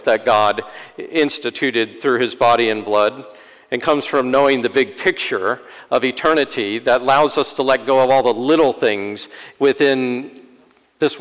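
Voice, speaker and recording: Wry priest preaching in a reverberant church. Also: male voice, mid-range voice, a bit bright. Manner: wry, self-deprecating humor. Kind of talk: sermon. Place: church sanctuary. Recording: long church-hall reverb.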